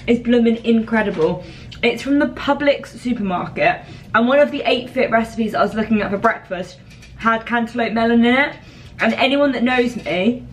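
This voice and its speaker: Young woman, chatty vlogger, slightly high voice. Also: a little hiss or hum. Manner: chatty, self-deprecating. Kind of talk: casual vlog chat. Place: small bathroom at night.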